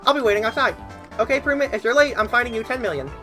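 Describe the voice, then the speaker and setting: A woman voicing a hyper, caffeinated young boy in a high, sped-up chipmunk-like voice while playing a video game. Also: over music. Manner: rushed, excitable. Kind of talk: let's play voice acting.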